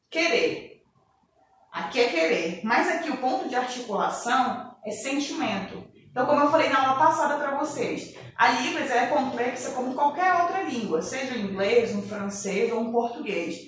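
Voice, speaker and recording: A woman teaching a class, pitched a little high, recorded from a distance in a strongly echoing room with faint background noise. She explains patiently and keeps checking in with her students through quick rhetorical questions. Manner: explanatory, asks rhetorical questions and answers them; names signs one by one while demonstrating. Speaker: sign language teacher. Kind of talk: online class lesson.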